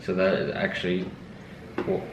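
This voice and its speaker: A twenty-year-old man co-hosting a casual chat at home, giving brief, easygoing, halting replies. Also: low voice, completely flat delivery, gravelly. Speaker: co-host. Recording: echoey room, dull sound with background noise.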